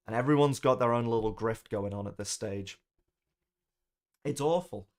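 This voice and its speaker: A man's voice: medium pitch, moderate pace, darkish tone. A British man hosting a live stream, ranting angrily with lots of swearing and rambling asides. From United Kingdom. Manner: angry, profane, rambling rant. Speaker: streamer host.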